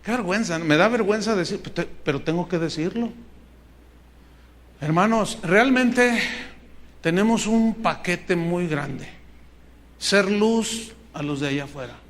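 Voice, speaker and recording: A man with a Mexican Spanish accent preaching a sermon as pastor, earnest and animated as he tells stories. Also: sits high. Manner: earnest, animated storytelling with acted quotes. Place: church hall with congregation.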